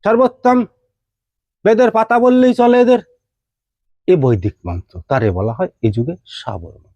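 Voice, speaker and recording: A man teaches mantras in a mellow, dark voice whose pitch leaps and falls a great deal. He chants verses in a rising singsong and keeps firing questions at his listeners. The sound is dry and close. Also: husky, no room sound. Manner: addresses listeners directly with rhetorical questions. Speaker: tantric teacher. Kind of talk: devotional teaching talk.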